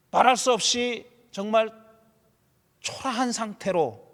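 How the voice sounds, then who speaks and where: A man preaching a sermon as a pastor, animated, voicing laments and rhetorical questions. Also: sits high. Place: church sanctuary. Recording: church hall with long reverb.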